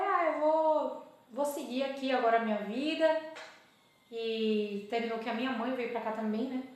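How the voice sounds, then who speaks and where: A woman from Salvador, a dentist chatting as an interview guest who acts out her own past remarks. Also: on the high side. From Salvador, Bahia, Brazil. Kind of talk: casual interview storytelling. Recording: very echoey room.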